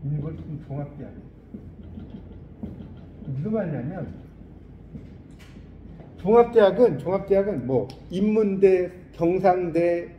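A man teaching an English lesson to students, explaining in Korean, reading English lines slowly and often checking that they follow. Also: a little high, slight background noise. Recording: echoey room, dull muffled sound.

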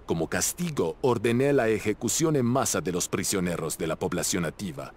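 A man's voice: sits low, animated, fairly quick, darkish tone, slight background noise. An actor voicing a stern male commander with a Russian accent, reading a formal log in a game. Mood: cold.

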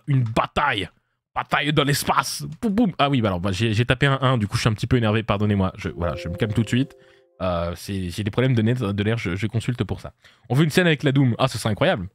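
A man's voice: medium pitch, no room sound, clean studio sound. A man streaming live, chatting casually and jokily while reading his chat aloud.

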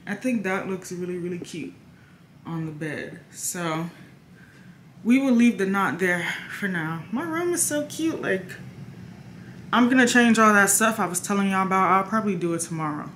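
A woman's voice: mid-range voice, lively intonation, moderate pace, a bit bright, roomy sound, slight background noise. Chatty young woman vlogging at home. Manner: chatty, addresses viewers as "y'all". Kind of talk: casual vlog chat to camera.

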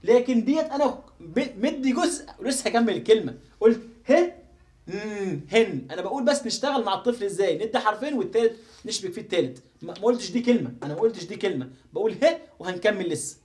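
A man's voice: high-pitched, animated, fast, few pauses, darkish tone. A man with an Egyptian accent teaching a live online English phonics lesson, repeating sounds and phrases again and again as he drills pronunciation. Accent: Egyptian Arabic. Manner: repetitive, drills pronunciation over and over.

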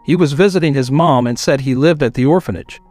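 A man reading the lines of a kind, grieving woman in an even, soft way. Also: medium pitch, fairly quick, no room sound, faint music behind, lightly acted. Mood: tender.

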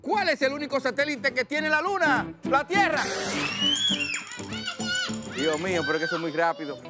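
High-voiced Dominican man hosting a kids' quiz. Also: big pitch swings, moderate pace, loud music behind the voice. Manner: playful, laughs often, sings drum-roll countdowns. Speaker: children's show host.

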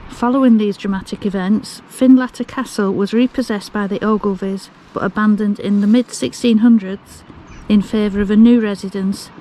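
A woman's voice: mid-range voice, steady tone, mellow, a little hiss or hum, rough recording. A middle-aged woman vlogging casually as she walks outdoors by the sea, chatting and reading an information sign aloud. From Scotland. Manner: chatty, reads a sign aloud at an unhurried pace. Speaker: travel vlogger. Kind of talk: casual vlog chat. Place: outdoors on a windy clifftop and fields by the sea.

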